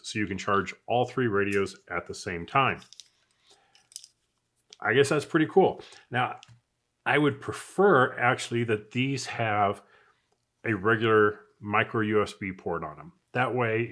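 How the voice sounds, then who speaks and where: Chatty and unscripted, a male channel host works through a product review as if thinking out loud. His voice is on the low side and slightly bright.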